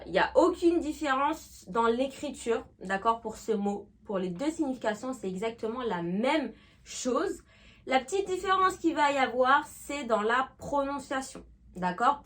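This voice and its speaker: A woman giving an online English lesson, explaining patiently and checking often that the listener follows. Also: a little high. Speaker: English teacher.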